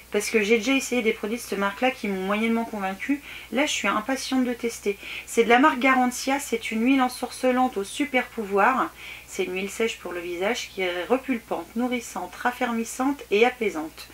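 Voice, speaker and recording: In this casual unboxing review, a woman beauty vlogger with a mid-range, fairly bright voice chats about the products in a beauty box. Her delivery is tentative, with frequent restarts, over faint background noise and clicks.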